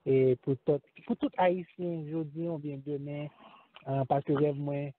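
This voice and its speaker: A man's voice: on the high side, little pitch movement, unhurried, a little hiss or hum. A man hosting an interview, speaking hesitantly with many fillers and restarts. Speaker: podcast host. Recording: tinny phone line, dry.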